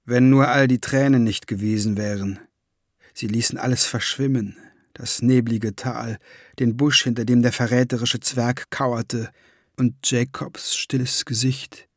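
A man reading an audiobook in slow, measured scripted narration. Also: mid-range voice, steady tone, no echo, studio quality.

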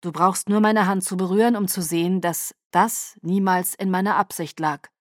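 A woman voicing a calm male vampire patriarch who argues earnestly and evenly for peace. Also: lowish voice, normal speed, dry recording, clean studio sound, natural voice. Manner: earnest, level, persuasive.

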